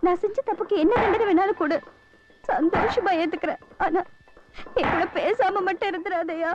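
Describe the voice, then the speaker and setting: Repentant young wife. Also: female voice, very high-pitched, moderate pace, heavy background noise. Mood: pleading. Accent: Tamil. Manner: tearful pleading. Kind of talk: Tamil film melodrama. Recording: dull film audio with loud music.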